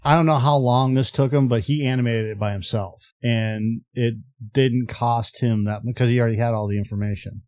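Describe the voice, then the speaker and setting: A man's voice: mid-range voice, steady tone, a little fast, few pauses, darkish tone, no room sound. A man in casual podcast chat, eagerly explaining things and swearing casually.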